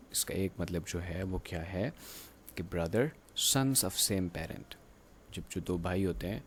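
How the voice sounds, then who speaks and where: A man teaching a grammar lecture. He explains slowly and haltingly, with drawn-out pauses, and reads textbook lines aloud in English. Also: deep voice, slight background noise.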